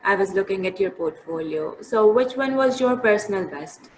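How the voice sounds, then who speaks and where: A woman's voice: medium pitch, lively intonation, normal speed, darkish tone. A woman interviewer asking questions in a conversational way. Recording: roomy echo, faint background noise.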